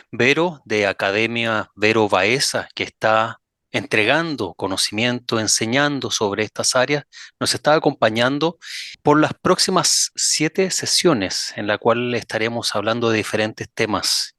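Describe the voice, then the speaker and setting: A man's voice: mid-range voice, sharp tone, no room sound, clean studio sound. A man hosting a casual interview, friendly and reflective, thinking aloud as he talks. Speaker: host.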